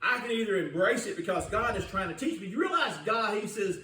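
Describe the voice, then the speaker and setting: High-voiced preacher, roomy and distant. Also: male voice, animated, brisk, pushed and bright, a little hiss or hum. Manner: folksy storytelling, asks the congregation questions. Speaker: pastor. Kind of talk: sermon. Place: church sanctuary. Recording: roomy church recording from a distance.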